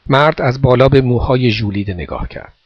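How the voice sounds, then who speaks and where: A man reading a story aloud in a calm, measured way. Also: medium pitch, breathy edge, dry recording. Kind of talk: storybook narration. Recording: dull dry recording.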